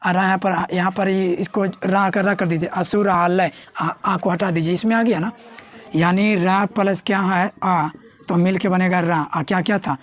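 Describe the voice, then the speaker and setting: A young woman teaching a grammar lesson at a board. She repeats key words, asks her students questions and slows down to spell out words syllable by syllable. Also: lowish voice, fairly even intonation.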